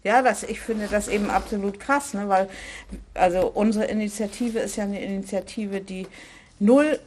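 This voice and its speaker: An earnest woman speaks about her volunteer work in an even, mid-range voice. She keeps stressing her points and checks in with tag questions, in a relaxed interview tone. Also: medium pitch, moderate pace, slight background noise. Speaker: volunteer organizer of a refugee meeting place. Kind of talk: conversational interview.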